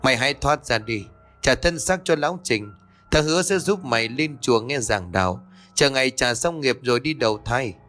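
A man voicing a stern old village exorcist who talks in a gruff, commanding way in a narrated horror story. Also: mid-range voice, expressive, normal speed, a bit bright, faint music behind, close to an everyday voice.

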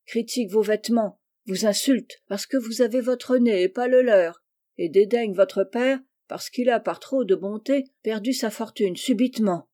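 A woman voicing a proud, easily offended young girl in a storybook reading, raising her voice higher and complaining. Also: moderate pace, warm tone, lightly acted.

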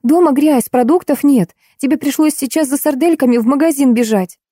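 A woman reading an audiobook, voicing a quick-tempered young wife who scolds in a high, loud voice. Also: lively intonation, dry recording, clean studio sound. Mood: scolding.

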